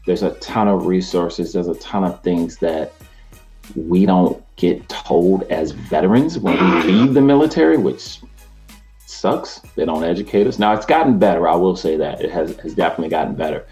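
Deep-voiced energetic man hosting a show. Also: normal speed, faint music behind. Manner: energetic, chatty, laughs easily. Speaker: host, mortgage professional. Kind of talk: casual talk to camera.

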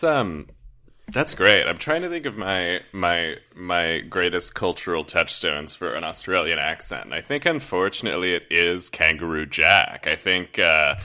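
A man co-hosting a podcast in casual chat, rambling and swearing freely in quick bursts. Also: sits low, pushed and bright, clear, resonant tone. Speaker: podcast co-host.

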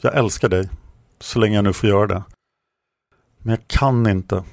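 A grieving young woman confesses she is dying, her words soft and tearful, put on by a man narrating. The voice stays low and gravelly, heard close and dry. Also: fairly even intonation, dry recording.

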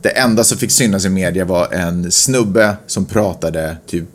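A man from Sweden with a Stockholm accent and a somewhat low voice. He talks as a podcast co-host in casual conversation. He often rephrases mid-thought, working out his point aloud. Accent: Stockholm Swedish.

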